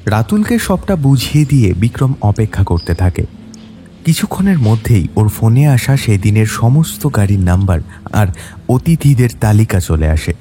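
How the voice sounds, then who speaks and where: A man narrating a detective audio story in a steady storytelling manner. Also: lowish voice, moderate pace, a little hiss or hum.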